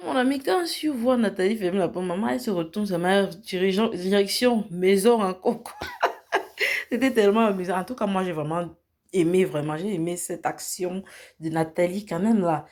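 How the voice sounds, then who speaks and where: A woman's voice: medium pitch, moderate pace, darkish tone. A woman, a vlogger recapping a reality show in a casual storytelling way. She acts out the people she retells and drops into English phrases.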